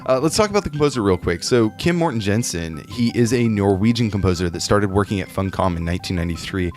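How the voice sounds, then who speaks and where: A man's voice: on the low side, fast, faint music behind. A man co-hosting a podcast in casual, chatty talk with plenty of fillers. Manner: relaxed, chatty, with many fillers. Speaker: podcast co-host. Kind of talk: casual chat.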